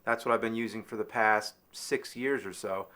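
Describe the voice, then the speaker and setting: A man's voice: fairly low pitch, fairly even intonation, normal speed, bright, forceful tone. A man casually walking through how he edits his videos. He talks in a loose, rambling way with plenty of fillers. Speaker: video creator explaining his editing. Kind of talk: casual behind-the-scenes explanation.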